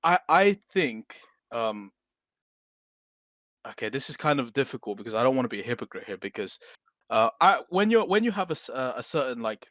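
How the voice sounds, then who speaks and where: Animated, swearing male podcast host. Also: medium pitch, dry recording. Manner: animated, swears, frequent restarts. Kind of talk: casual podcast chat.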